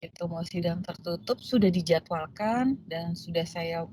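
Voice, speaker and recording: A woman lecturer recounts a personal story to her class in a lively, animated way. She acts out the voices of the people in it and fills the gaps with hesitations. Faint noise sits under her voice. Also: on the low side, normal speed. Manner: animated storytelling, acting out quoted voices, frequent fillers. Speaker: law lecturer.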